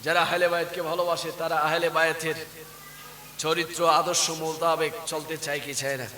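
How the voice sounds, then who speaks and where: A male preacher delivering a fiery sermon. He chants his lines, swings between shouted calls and hushed phrases, and draws call-and-response from the crowd. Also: a little high, little pitch movement, normal speed, noisy background. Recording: echoey hall sound.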